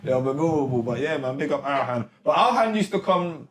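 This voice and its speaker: A man appears as a rapper guest in a casual interview, talking in laid-back slang, saying "you get me" a lot, and laughing often. His voice is on the high side, animated and brisk. The recording studio sound is roomy, with heavy background noise.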